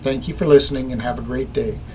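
A man reads a scripted public information bulletin as a civil defense announcer, in a formal, measured official manner. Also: mid-range voice, fairly even intonation, mellow. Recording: clearly noisy background.

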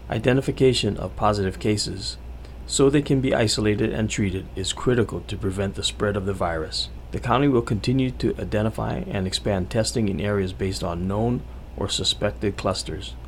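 A man with a fairly low voice delivers a scripted civil defense announcement. He sounds formal and measured, like an official addressing the public. Some noise sits in the recording behind his words. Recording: clearly noisy announcement recording.

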